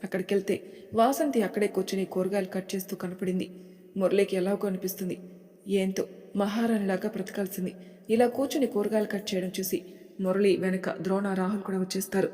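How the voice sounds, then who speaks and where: A woman storyteller narrates a scripted tale in a steady, plain voice. Her pitch sits at an ordinary middle level. A long reverb rings after her words, as in a large hall. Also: brisk.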